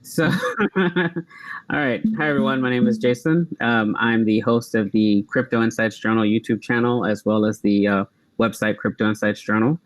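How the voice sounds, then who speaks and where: A man's voice: fairly low pitch, steady tone, moderate pace, no echo, poor audio. Friendly, chatty male panel moderator. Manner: friendly, chatty, laughs easily.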